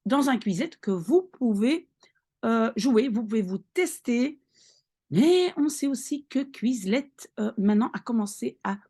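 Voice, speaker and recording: A woman teaching vocabulary in an online lesson. She explains patiently, reads each phrase slowly, translates it, and often checks in with "d'accord?". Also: on the high side, darkish tone, breathy edge. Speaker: language teacher.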